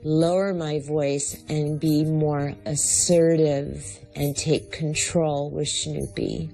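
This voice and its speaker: A woman's voice: low voice, slow, gravelly, dark tone, faint music behind. A woman who owns a dog, speaking earnestly on a reality show. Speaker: dog owner.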